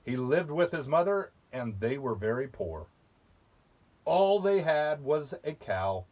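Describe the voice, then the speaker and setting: A man reading a fairy tale aloud to children at a very unhurried pace. His voice sits at an ordinary middle pitch, and he stops now and then to chat about the pictures. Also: sing-song, darkish tone, dull audio. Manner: slow, patient, with asides about the pictures. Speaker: storybook reader.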